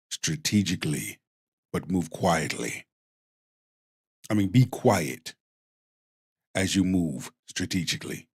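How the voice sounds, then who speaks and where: With a deep, darkish voice and a Jamaican accent, a man hosts a stream and reacts to clips like a preacher. He speaks slowly and bluntly, preachy in tone and laced with profanity.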